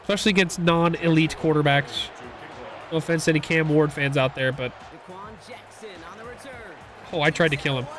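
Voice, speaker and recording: A young man giving casual, excitable commentary while playing a football video game, rambling and reacting loudly to big plays. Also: a little high, normal speed, long pauses, faint music behind. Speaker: gaming YouTuber.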